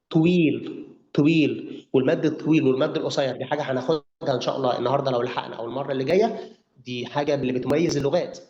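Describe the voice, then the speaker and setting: A man's voice: mid-range voice, warm tone. Egyptian man drilling a class. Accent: Egyptian Arabic. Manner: drills pronunciation, repeats words for learners. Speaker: language teacher. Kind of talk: live online lesson. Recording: roomy, muffled sound.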